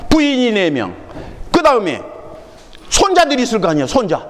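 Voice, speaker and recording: Lively Korean pastor with Jeolla accent. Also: male voice, high-pitched, moderate pace, long reverb tail. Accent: Jeolla dialect. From Jeolla region, Korea. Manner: animated storytelling, quizzing the congregation and laughing along. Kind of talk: sermon. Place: church sanctuary.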